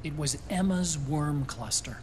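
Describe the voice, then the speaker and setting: An actor playing an earnest, thoughtful technical expert in a video game, explaining things in a scripted briefing. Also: male voice, on the high side, unhurried, a little mellow, a little hiss or hum, natural voice. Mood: reflective, explanatory.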